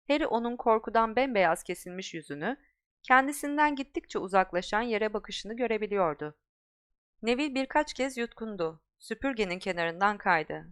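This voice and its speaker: A woman's voice: mid-range voice, a bit bright, clear, resonant tone. A woman reading an audiobook as a narrator, telling the story expressively. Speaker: audiobook reader.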